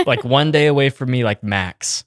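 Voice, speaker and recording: A man's voice: medium pitch, normal speed, no echo, studio quality. A young man co-hosting a casual podcast, giving blunt relationship advice and repeating his points. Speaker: podcast co-host.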